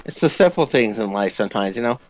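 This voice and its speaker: Fast and lively in intonation, a lowish male voice jokes around during casual co-op gameplay. Background noise mixes with the video game's gunfire and ambience beneath his voice.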